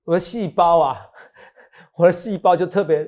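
A man's voice: high-pitched, fairly even intonation, normal speed, a little mellow. A middle-aged man with a Taiwanese Mandarin accent hosting a stock market show in a chatty, teasing way, often checking in with his co-host. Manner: chatty, teasing, jokes and laughs often, asks "好不好". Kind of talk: casual market talk show chat.

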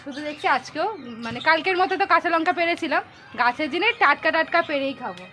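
A woman's voice: high voice, animated, pushed and bright, soft background music. Chatty young woman vlogging. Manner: fast, chatty, teasing family asides. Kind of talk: casual home vlog chat. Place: family home kitchen and garden.

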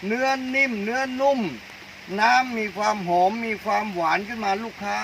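A man's voice: sits high, normal speed, fairly bright tone, a little hiss or hum, low-quality recording. A man interviewing a farmer for a promotional video, eager and repeating the answers back, outdoors in a coconut orchard in the rain. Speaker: interviewer, fertilizer brand owner.

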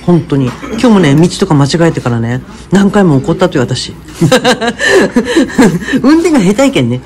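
A woman's voice: low voice, brisk. A woman with a chatting and teasing her companion on a casual walking vlog. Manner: chatty, teasing, lively dialect banter. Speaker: travel vlogger.

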